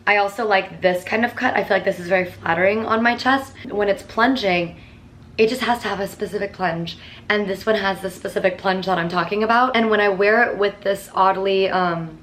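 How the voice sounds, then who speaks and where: A woman's voice: medium pitch, a bit bright, slight background noise. Chatty woman vlogging, full of fillers. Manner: chatty, filler-heavy, earnest. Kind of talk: casual monthly favorites chat.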